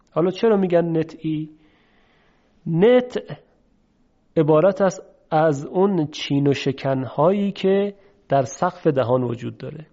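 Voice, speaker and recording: A man's voice: a little high, dark tone, lo-fi sound. A man teaching Quran recitation in a recorded pronunciation lesson, explaining patiently and repeating sounds for practice.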